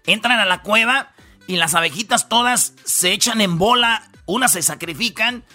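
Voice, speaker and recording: A Mexican man hosts a radio comedy show. He retells odd news stories in casual, slang-heavy banter and pads his sentences with fillers. His voice sits high and sounds bright. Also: normal speed, soft background music. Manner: slangy, storytelling, lots of fillers.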